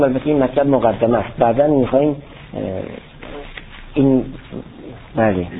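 A man with a medium-pitched voice lectures as a teacher of theology and logic, reading a classical Arabic text aloud and explaining it line by line. The recording sounds tinny, like a phone, with slight background noise.

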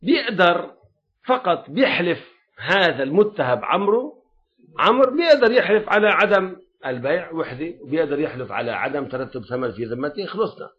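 Lebanese male teacher for a classroom lecture: animated and lively, keeps checking that students follow, dull lo-fi sound. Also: fairly high pitch, brisk. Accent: Lebanese Arabic. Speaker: religious law teacher.

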